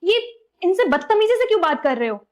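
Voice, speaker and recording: A woman's voice: very high voice, big pitch swings, a little fast. An actress playing a defiant young wife who scolds her husband indignantly.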